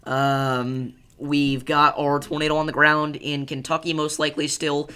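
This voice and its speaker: A man hosting live severe weather coverage, speaking with urgent, emphatic and repeated pleas in a halting, distressed delivery. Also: fairly high pitch, little pitch movement, pushed and bright, smooth. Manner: urgent, emphatic, repetitive pleading warnings. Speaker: live storm coverage host.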